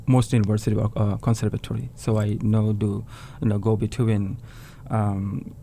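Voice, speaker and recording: A man who grew up in Bangladesh talks about playing tabla, often stopping and restarting his words. His voice is fairly low and mellow, with a faint hiss behind it. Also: level tone, normal speed. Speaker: tabla player, guest musician. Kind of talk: casual interview talk.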